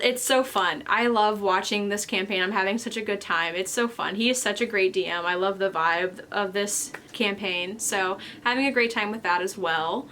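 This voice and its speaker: A woman's voice: mid-range voice, bright, forceful tone, slight background noise. A tired young woman hosting a knitting podcast, chatting casually and rambling with lots of fillers, recorded at home. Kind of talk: casual chat.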